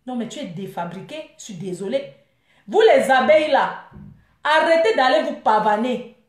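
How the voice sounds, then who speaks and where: High-voiced woman in mocking rant. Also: lively intonation, moderate pace. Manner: mocking, scornful, with frequent laughs. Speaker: vlogger. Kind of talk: taunting live rant. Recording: echoey room.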